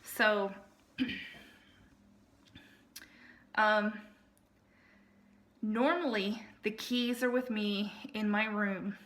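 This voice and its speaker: An adult woman shares a personal account in casual, unscripted speech. Her voice is bright and tense, sitting at an average pitch for a woman. She explains each point deliberately, with an aggrieved edge. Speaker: storyteller recounting personal family experiences.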